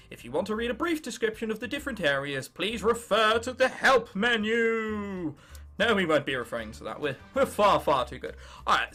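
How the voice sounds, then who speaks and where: Forceful and bright, the high voice belongs to a 19-year-old English gaming host from England. He gives laid-back, sarcastic game commentary with self-mocking bravado and casual swearing, now and then reading on-screen text aloud.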